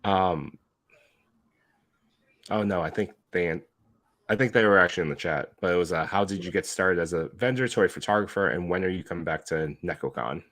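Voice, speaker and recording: Very low-voiced relaxed host. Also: male voice, fairly quick. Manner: relaxed, reads listener questions. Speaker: podcast host. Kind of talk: casual podcast chat.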